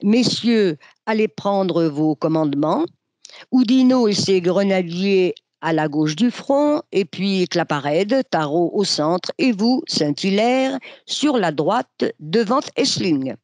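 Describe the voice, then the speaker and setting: A decisive marshal handing out orders, as a storyteller voices him, firm and crisp yet unhurried. The recording is close and dry. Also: mid-range voice, lively intonation, a little mellow, no room sound. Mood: commanding. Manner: crisp, commanding.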